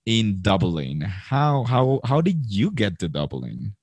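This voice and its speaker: A man in his thirties hosts a live interview over a video call. His voice sits low and sounds dry and close. He talks in a chatty way, with plenty of fillers and restarts. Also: very animated, slow pace, a little mellow, breathy edge, no room sound. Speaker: host.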